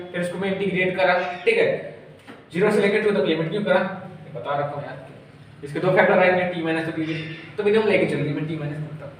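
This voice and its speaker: A man's voice: sits high, distant mic. Man tutoring in a very echoey room. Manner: chatty, asks and answers his own questions; calls the viewer brother, very familiar. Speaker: physics tutor. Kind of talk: informal exam-prep lesson. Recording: echoey room, faint room noise.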